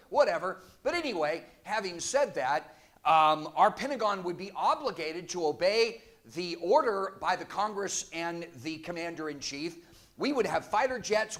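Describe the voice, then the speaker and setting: A man preaching a sermon from the pulpit of a church, forceful, with sarcastic asides. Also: high-pitched. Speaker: guest preacher.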